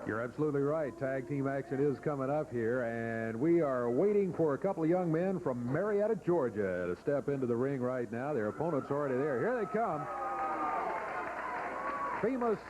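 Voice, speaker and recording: A man announcing a tag team match and calling the action in steady play-by-play commentary. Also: mid-range voice, normal speed. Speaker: wrestling commentator. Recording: hissy 1980s TV broadcast.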